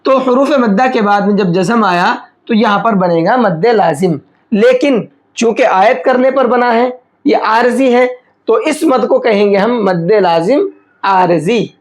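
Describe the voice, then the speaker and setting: A man teaching Quran recitation rules step by step. He asks questions aloud and answers them, and he slows right down to recite the example words. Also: high-pitched. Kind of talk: step-by-step tajweed lesson.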